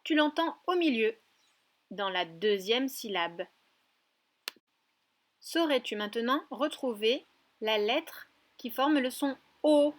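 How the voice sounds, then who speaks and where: A woman teacher with a fairly high voice leads a recorded lesson for small children. She speaks at an unhurried pace and sounds out each word carefully. She addresses the child directly. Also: lively intonation. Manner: slow and clearly articulated, addressing a child directly. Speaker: preschool teacher.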